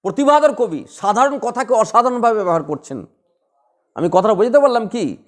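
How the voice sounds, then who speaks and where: A man's voice: high-pitched, animated, fairly quick. A man teaching a class on poetic rhythm, who talks playfully, laughs often and acts out quarrels and recites verse. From West Bengal. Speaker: Bengali literature tutor.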